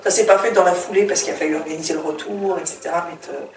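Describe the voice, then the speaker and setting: A middle-aged Frenchwoman with a lowish, steady voice speaks at a quick pace, telling her story as a guest in a casual interview with frequent hesitations and restarts. The recording sounds roomy, with a distant mic and faint background hiss.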